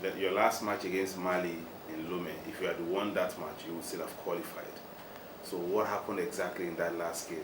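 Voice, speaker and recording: Low-voiced male sports journalist, roomy. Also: steady tone, brisk. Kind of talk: interview questions. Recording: roomy with noticeable background noise.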